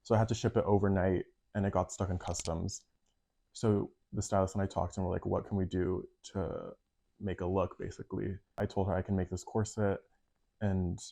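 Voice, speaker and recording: Young male designer from Panama, twenties; low, mellow voice, even delivery, loose casual answers full of fillers. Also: creaky. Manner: casual, fillers like 'like', soft-spoken. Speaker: fashion designer. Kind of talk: interview answers.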